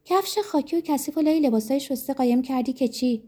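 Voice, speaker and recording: A woman voicing a harsh, scolding mother, raised and sharp. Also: high voice, pitched above the performer's own voice, natural voice.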